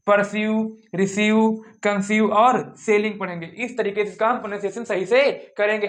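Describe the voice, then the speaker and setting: A young man teaching English pronunciation rules in a classroom-style lesson, asking questions and answering them himself over and over. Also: high voice.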